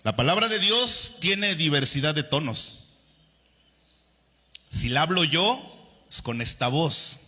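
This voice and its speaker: Male pastor, lively sermon delivery, bright slightly high voice, slow and deliberate pace, long hall echo. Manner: animated preaching, swinging between soft and loud.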